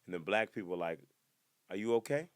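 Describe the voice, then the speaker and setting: A fast-talking man in his twenties gives an animated, informal comedy monologue for a podcast. Acting out other people sends him into loud, high bursts, all captured on a dry, clean studio recording.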